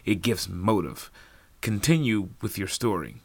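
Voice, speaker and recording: A man's voice: lowish voice, lively intonation, measured pace, slightly rough, no echo, heavily acted. A man voicing a smug adult male police detective who asks clipped, demanding questions. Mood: probing.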